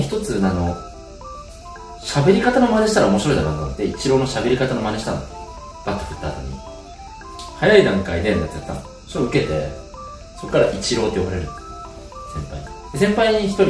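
A young man telling stories from his school days in casual chat, animated, laughing often and acting out the people he quotes. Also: low voice, distant mic. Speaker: channel host telling life stories. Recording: roomy, off-mic with music behind.

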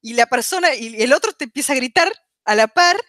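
A woman's voice: high-pitched, animated, brisk, no echo, clean studio sound. A woman explaining psychology on a radio talk show. She keeps checking in with her listeners and talks in a chatty way, with many fillers and restarts. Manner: checks in constantly with the audience, warm teaching tone.

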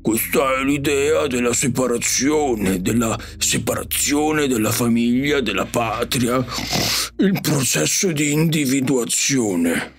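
A man voicing a calm, wise pig-like alien beast in an audiobook, speaking in a measured, reflective way. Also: medium pitch. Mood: pondering. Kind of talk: audiobook character reading. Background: faint music.

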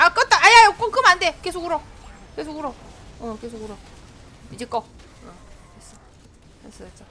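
A woman streamer with a high, bright voice that leaps up and down as she comments on her game, chatting to herself and her teammates and often breaking into exclamations. A faint noise sits under her voice. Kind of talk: live gameplay commentary.

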